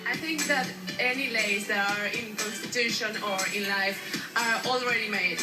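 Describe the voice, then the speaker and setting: Young spanish-speaking woman doing a halting pageant answer, highish voice, echoey. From Venezuela. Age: young adult. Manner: groping, broken-English pageant answer. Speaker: pageant contestant. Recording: echoey, loud music behind.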